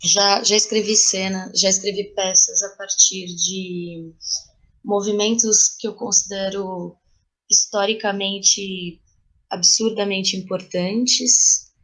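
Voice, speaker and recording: This rough recording captures a playwright with a Brazilian Portuguese accent reflecting in an interview. She talks slowly, her medium-pitched voice steady and a touch bright. Her answers are thoughtful and explanatory, with pauses as she searches for words.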